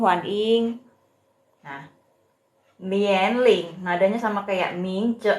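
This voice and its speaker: A woman teaching a live-streamed Mandarin lesson, patient and greeting viewers by name. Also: medium pitch.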